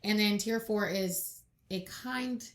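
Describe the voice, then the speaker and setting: A woman's voice: medium pitch, takes it slowly. A woman co-hosting a casual podcast, chatty and enthusiastic, laughing often. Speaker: podcast co-host. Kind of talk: casual chat.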